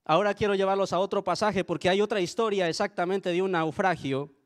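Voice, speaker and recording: High-voiced man preaching earnestly. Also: steady tone, brisk. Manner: earnest, conversational preaching with asides to the congregation. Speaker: pastor. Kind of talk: sermon.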